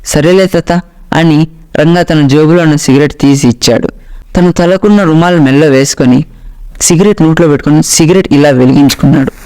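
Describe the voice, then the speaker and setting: A man narrating a first-person ghost story as a storyteller, dramatic and slowing down for suspense. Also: on the high side, a little mellow, smooth.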